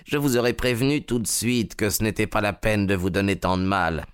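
A man's voice: fairly low pitch, steady tone, brisk, smooth, no echo, clean studio sound, close to an everyday voice. A man voicing a tall, thin female housekeeper who speaks plainly and frankly.

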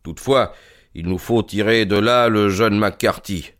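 A man voicing a calm, shrewd detective who speaks softly and gravely, in a slow, deliberate way. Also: fairly low pitch, no room sound, studio quality. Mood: grave, gentle. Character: calm shrewd male detective, middle-aged, gentle and grave.

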